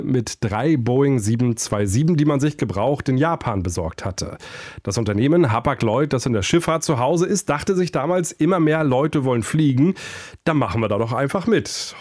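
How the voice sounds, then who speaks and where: A man's voice: mid-range voice, darkish tone. A man hosting an aviation podcast, narrating from a script in a casual, direct style.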